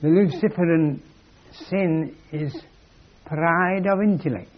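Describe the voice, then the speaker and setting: A man's voice: on the high side, takes it slowly, slight background noise. A man giving a philosophical lecture in a wry, emphatic way, on a dull lo-fi recording. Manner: wry, emphatic, acts out quoted voices.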